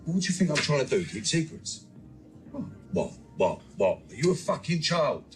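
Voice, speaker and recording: An actor playing a blunt, commanding British gang elder who is protective and quick to anger. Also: male voice, fairly high pitch, big pitch swings. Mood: angry, exasperated. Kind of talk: TV crime drama dialogue. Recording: music behind the voice.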